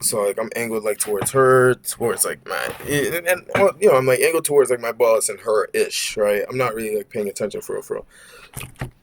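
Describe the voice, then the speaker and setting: A young man with a New York accent telling a personal story to camera in an animated, rambling way, full of "like", "bro" and "right?". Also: mid-range voice, brisk, hardly any pauses, slight background noise. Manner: animated, frequent restarts. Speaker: vlogger. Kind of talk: casual storytime monologue.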